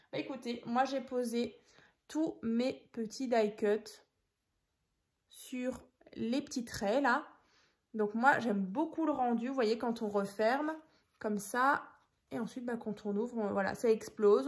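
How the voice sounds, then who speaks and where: Craft host, woman, slightly high voice, unhurried, thinks aloud, echoey room. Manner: chatty, thinks aloud, counts pieces while working. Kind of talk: casual craft tutorial.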